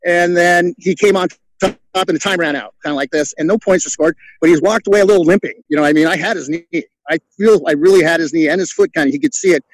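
Fast-talking middle-aged man, rambling stories. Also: fairly high pitch, dry recording, rough recording. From California. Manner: rambling, lots of "you know", acts out quotes. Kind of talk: casual storytelling interview.

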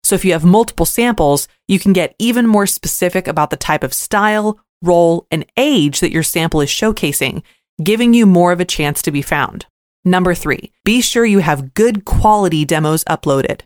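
A woman's voice: on the low side, expressive, moderate pace, no room sound, studio quality. A woman hosting a podcast, giving scripted advice in an upbeat, tidy, organized way. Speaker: podcast host and voice actor.

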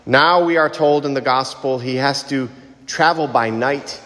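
A man's voice: medium pitch, unhurried, fairly bright tone. Man preaching in cathedral-like echo. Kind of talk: liturgical reading and homily. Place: large reverberant church, cathedral-like echo. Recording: echoey church hall with long reverb.

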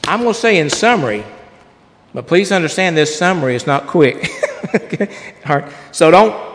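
A man preaching a sermon to a congregation in a folksy, rambling way and reading scripture aloud, his voice hoarse. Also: on the high side, long reverb tail. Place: church before a congregation.

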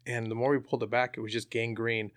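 A man telling a hunting story as an interview guest, relaxed and chatty with frequent fillers. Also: medium pitch, fast, dry recording. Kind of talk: casual storytelling.

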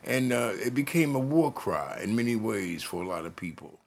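A man with a gravelly, husky voice talking in an interview about his craft as a poet. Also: on the low side, very animated, moderate pace. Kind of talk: interview talk.

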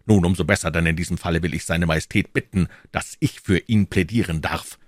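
A man's voice: low-pitched, fairly quick, no room sound, clean studio sound. A man voicing a proud, defiant musketeer captain who speaks in a firm, unyielding way.

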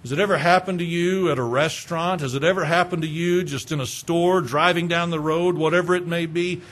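A man with a fairly high voice preaches a sermon as a pastor. He keeps asking his listeners rhetorical questions and repeats words as he drives each point home. His delivery drops to hushed lines and then rises again. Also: steady tone, fairly quick. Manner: swings between hushed lines and raised ones.

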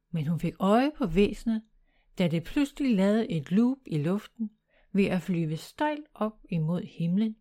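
A woman reading a children's bedtime story aloud in a calm, even storytelling manner. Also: mid-range voice.

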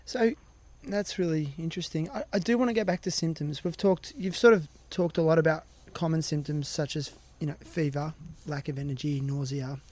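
A man with a fairly high, light voice hosts a podcast interview. He asks long, rambling questions in a loose, chatty way and thinks aloud as he talks. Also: normal speed, few pauses, a little mellow. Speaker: podcast host. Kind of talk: casual interview chat.

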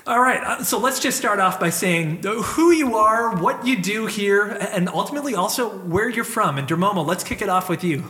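A man's voice: sits high, animated, normal speed, few pauses, sharp tone, breathy edge. A man who is a pastor, hosting a church conversation show in a welcoming, upbeat way. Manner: upbeat, welcoming host patter. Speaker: pastor and host. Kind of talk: hosted church talk show.

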